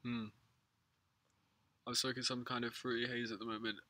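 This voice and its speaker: A man's voice: mid-range voice, flat delivery, moderate pace, sharp tone, no echo. A British man chatting casually as a livestream host, with a laid-back, slangy, sweary stoner way of talking. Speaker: livestream host answering viewers. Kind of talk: casual rambling chat.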